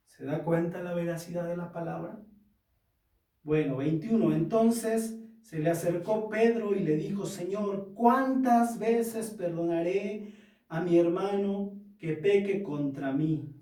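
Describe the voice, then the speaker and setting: Pastor, male, slow sermon delivery, dark tone, echoey church hall, mic set off at a distance. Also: high voice. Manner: unhurried preaching, addressing the church directly. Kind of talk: sermon reading and explaining scripture.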